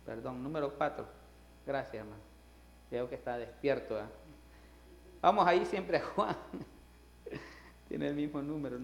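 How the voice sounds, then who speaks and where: A male pastor preaching a sermon, swinging between loud, emphatic lines and soft asides. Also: medium pitch, measured pace, vocal fry, pauses often, a little hiss or hum. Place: church sanctuary. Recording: roomy church reverb.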